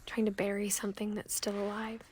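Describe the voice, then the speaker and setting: An actress narrating as a young woman uncovering her family's secrets, speaking in a quiet, reflective way. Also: medium pitch, monotone, fairly quick, very noisy, lightly acted. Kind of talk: game narration.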